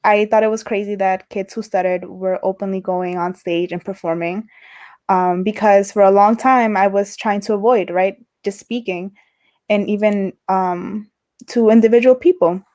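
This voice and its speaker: A young woman with a stutter talks about her own experience as a guest in a casual livestreamed interview, repeating and breaking off words. Her voice is medium-pitched and darkish, with fairly even intonation at a normal speed.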